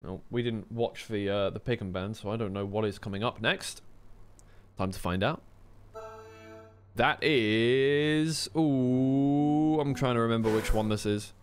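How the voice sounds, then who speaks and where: An esports caster on a co-stream gives live racing game commentary, blending play-by-play with casual chat and thinking out loud. His mid-range voice is smooth and unhurried, set against racing game car sounds.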